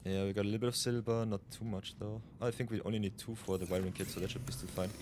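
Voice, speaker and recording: A man's voice: fairly low pitch, steady tone, quick pace, darkish tone, a little hiss or hum. A man from Austria chatting casually while streaming a game, thinking aloud as he plays. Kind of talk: live gameplay commentary.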